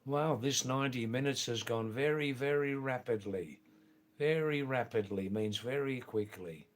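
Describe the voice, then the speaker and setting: A livestream host, an older man with an Anglo-Indian accent, chats casually while answering viewer comments, using plenty of fillers and restarts. His voice is medium in pitch and his pace is measured.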